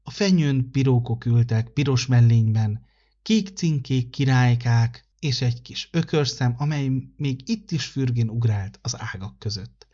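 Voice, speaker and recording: Husky man reading a children's story. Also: medium pitch, highs cut off. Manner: calm, measured narration. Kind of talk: read-aloud children's story.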